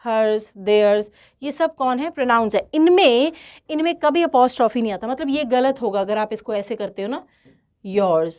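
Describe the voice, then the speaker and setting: Slow-speaking woman teaching grammar. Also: on the high side. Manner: slow, deliberate, repeats key points and asks rhetorical questions. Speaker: English grammar tutor. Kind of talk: grammar lesson mixing Hindi and English.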